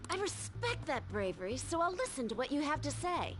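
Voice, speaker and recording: Flirty tipsy journalist, video game, very lively intonation, shrewd, casual, coaxing. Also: female voice, high-pitched, brisk, a little hiss or hum. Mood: amused. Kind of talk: video game dialogue acting. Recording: background music under dialogue.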